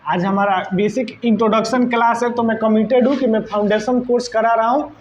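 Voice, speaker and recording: A male teacher with a Bihari Hindi accent gives a bilingual classroom lecture, explaining terms slowly and checking in with "right?". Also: sits high, steady tone, slight background noise, low-quality recording. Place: classroom with students present.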